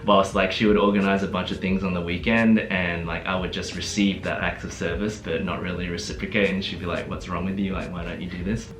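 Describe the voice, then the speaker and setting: A young man from Adelaide, South Australia, appears as a guest, the host's fiancé, in a casual Q&A about their relationship. He speaks in a low, fairly quick voice with an Australian accent, barely pausing, laughing often and using many fillers in a relaxed way. The room is echoey, with background music and slight noise.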